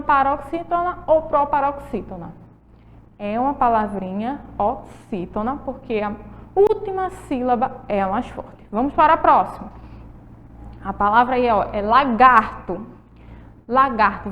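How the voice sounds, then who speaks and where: A woman teacher with a Brazilian Portuguese accent leads a televised lesson for children in a high, bright register. She draws words out slowly to stress their syllables and keeps asking her young viewers questions. Her voice carries a long reverb. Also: muffled recording, a little hiss or hum. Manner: encouraging, asks the viewers questions.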